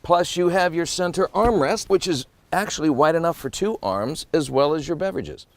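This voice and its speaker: A man's voice: on the high side, expressive, moderate pace. A man presenting a car review walkaround, with an upbeat, jokey, salesman-like delivery.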